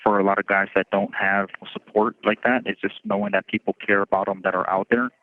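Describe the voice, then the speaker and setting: A man who is incarcerated answers interview questions over a prison phone line, speaking in a steady, plainspoken, reflective way. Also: fairly low pitch, a little fast. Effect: heard over a prison phone line. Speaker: incarcerated student.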